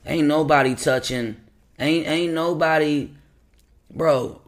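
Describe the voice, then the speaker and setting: A man hosting a podcast in a loose, rambling style, full of slang and restarts as he gives shout-outs. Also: on the high side, steady tone, slow pace. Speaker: podcast host. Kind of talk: casual podcast chat.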